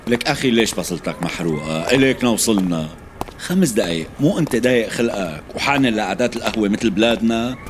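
A man's voice: on the low side, expressive, fast, noisy background, close to an everyday voice. A man with a Levantine Arabic accent playing a loyal friend who consoles in a brotherly way.

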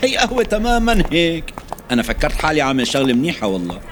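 Man doing a consoling buddy, levantine arabic accent, bouncy up-and-down voice, quick, music going behind. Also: fairly high pitch, wildly swooping pitch, noisy background. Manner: consoling, brotherly. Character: loyal friend, cheerful consoling companion.

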